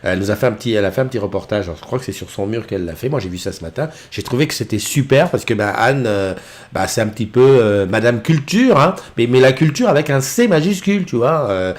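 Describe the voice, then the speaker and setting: A middle-aged man hosts a casual morning live stream in an expressive, mid-range voice at a quick pace. Chatty and easygoing, he greets viewers by name and reads their messages aloud.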